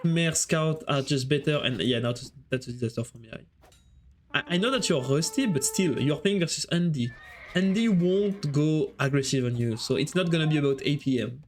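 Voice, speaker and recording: A man with a French accent and a slightly high voice speaks at a moderate pace while casting a strategy game live. He's chatty, answering viewers' chat between plays.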